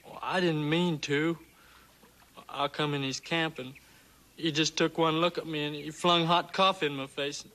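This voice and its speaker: An actor playing a simple-minded, childlike, remorseful hunted man in a 1960s TV western, with halting, rustic American speech. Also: fairly high pitch, steady tone, bright, forceful tone. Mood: pleading, agitated. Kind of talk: 1960s television western acting. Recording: old TV soundtrack with music underneath.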